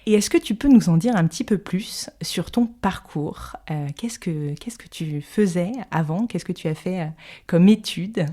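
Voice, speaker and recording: A woman hosting a podcast, with a lowish, mellow voice. She narrates an intro and asks her interview questions in a measured way, sometimes hesitating with soft fillers. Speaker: podcast host.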